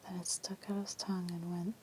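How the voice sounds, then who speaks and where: A woman reading creepy legends as an ASMR storyteller in a hushed, breathy whisper. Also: on the low side, flat delivery, a little fast, noisy background.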